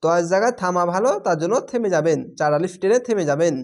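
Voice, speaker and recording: A man teaching Quran reading, slowly spelling out each word syllable by syllable. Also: sits high, animated. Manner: slow, drawn-out syllable-by-syllable spelling of Arabic words. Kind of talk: spelling-out recitation lesson.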